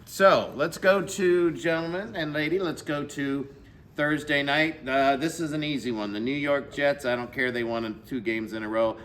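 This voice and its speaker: A man hosting a casual football picks show, loud and joking as he runs through the games. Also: on the high side, normal speed, a little hiss or hum. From Florida. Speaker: podcast host. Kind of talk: casual chat.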